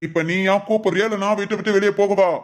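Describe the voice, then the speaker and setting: A man's voice: high-pitched, steady tone, racing, close to an everyday voice. A man voicing a stern, righteous father-in-law in a family cartoon, lecturing indignantly. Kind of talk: cartoon voice acting.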